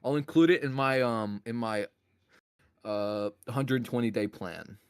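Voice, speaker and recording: A man's voice: medium pitch, measured pace, clean tone, no echo, clean studio sound. A man in a casual online role-play debate, answering as a candidate with a stammering, hesitant way of talking.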